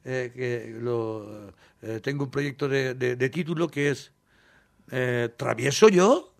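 A man's voice: mid-range voice, steady tone, measured pace, dry recording. A Spanish man in his sixties from Valencia, a singer telling childhood stories in an interview, rambling and laughing as he acts out voices. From Valencia, Spain.

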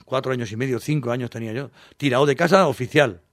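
A man's voice: mid-range voice, fast, no room sound. A Spanish man in his sixties from Valencia, a singer telling childhood stories in an interview, rambling and laughing as he acts out voices. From Valencia, Spain.

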